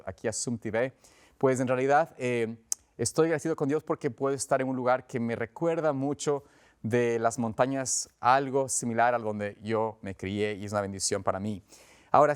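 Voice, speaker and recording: This man's clear, resonant voice sits at a medium pitch. He's a preacher from Quito with an Ecuadorian accent, giving a conversational sermon that's earnest and explanatory, frequently rewording his points along the way.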